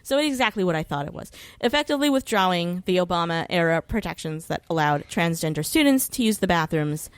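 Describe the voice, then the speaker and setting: A woman talks through legal issues as a podcast guest in an animated, slightly fast delivery with few pauses. Her voice is on the low side with no room sound, and she's informal, sweary and hesitant as she recalls details.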